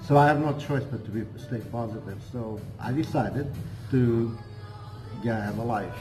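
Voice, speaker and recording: In a hotel cafe with big windows, a man in his sixties from Portugal talks casually as an interview guest, his Portuguese accent clear. His mid-range voice is a little mellow and moderately paced, though he hesitates and restarts often. Music runs in the background of this low-quality recording.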